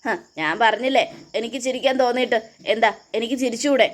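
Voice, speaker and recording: Scornful menacing father, as a woman plays him, unhinged, high-pitched, serial recap. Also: steady tone, quick pace, close to an everyday voice. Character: bitter, unhinged middle-aged father.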